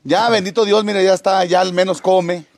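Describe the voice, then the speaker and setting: A man's voice: high voice, steady tone, moderate pace. A man with a Mexican accent chatting and teasing an elderly man, reading out greetings from viewers. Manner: jokey, reads out viewer greetings. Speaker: vlogger visiting an elderly man. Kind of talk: casual teasing chat.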